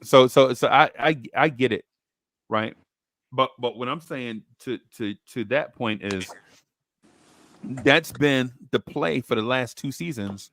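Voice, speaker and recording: A man's voice: mid-range voice, slow pace, fairly bright tone. A man hosting a sports talk show with casual, slangy banter, repeating phrases for emphasis.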